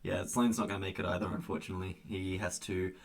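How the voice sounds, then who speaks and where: A man's voice: sits low, flat delivery, quick pace. A man, co-hosting a casual livestream while painting miniatures, reading out chat messages and laughing often. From New Zealand. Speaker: livestream co-host.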